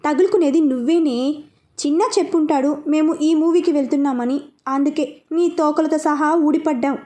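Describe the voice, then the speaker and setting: Woman reading as a cocky young man, teasing, mocking, high-pitched, storybook. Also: steady tone, normal speed, warm tone, lightly acted.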